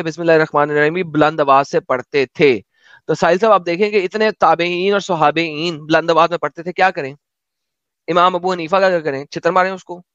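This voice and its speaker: High-voiced sarcastic man reading and commenting. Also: fairly bright tone, no room sound. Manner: sarcastic, mocking asides. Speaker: host. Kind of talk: reading aloud and commenting in casual chat. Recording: dull dry lo-fi audio.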